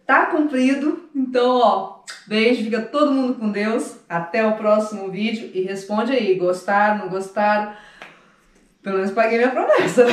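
A woman talking casually to her viewers in a vlog, chatty and giggly as she shows off the result. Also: mid-range voice. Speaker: vlogger. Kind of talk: casual vlog talk to camera. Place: barbershop, then home. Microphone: phone camera held by others. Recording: echoey room, faint background noise.

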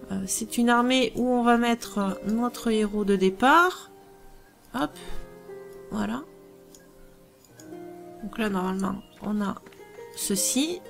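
A woman hosting a let's play, thinking aloud through strategy gameplay in a musing, hesitant way with many pauses. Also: medium pitch, gravelly, faint music behind.

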